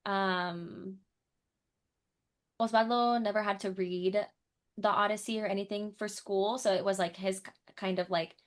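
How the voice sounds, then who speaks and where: A woman's voice: mid-range voice, unhurried. Chatty young woman podcast co-host. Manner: animated, rambling, laughs often. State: recovering from illness. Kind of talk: casual chat.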